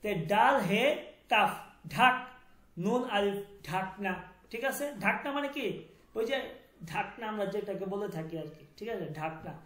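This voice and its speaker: A man's voice: high-pitched, moderate pace, fairly bright tone, echoey room. Man teaching letter sounds. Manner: repeats each sound and asks the class to confirm. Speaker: language teacher.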